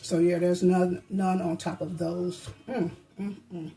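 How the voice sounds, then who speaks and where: A woman with a mellow, soft-edged voice chats casually in her home kitchen as she bakes and samples her treats. She hums as she savors each bite and talks with her mouth full, in a relaxed, chatty way. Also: on the low side, a little slow, slight background noise, low-quality recording. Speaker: baking vlogger. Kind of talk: casual chat.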